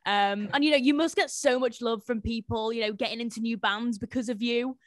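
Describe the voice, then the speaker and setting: A woman's voice: a little high, fairly even intonation, a little fast, no echo. A woman hosting an interview show, talking in a casual, informal and slangy way.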